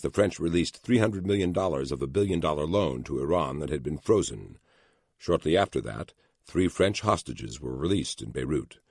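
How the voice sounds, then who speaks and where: Extremely deep, gravelly male narrator. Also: no echo, studio quality. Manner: measured, steady storytelling. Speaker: audiobook narrator. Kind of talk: first-person thriller audiobook narration.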